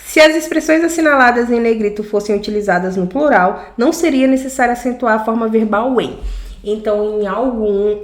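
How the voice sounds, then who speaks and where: A Brazilian woman teaches a grammar lesson in a fairly high voice. She explains step by step with a Brazilian Portuguese accent, often checking that her students follow. The recording has an echoey, roomy sound. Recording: echoey room.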